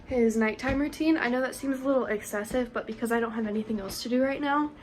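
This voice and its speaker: A woman's voice: a little high, fast, darkish tone, rough recording. A young woman, a stay-at-home mom, chatting casually through her day's chores in a home vlog. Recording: music playing under the voice.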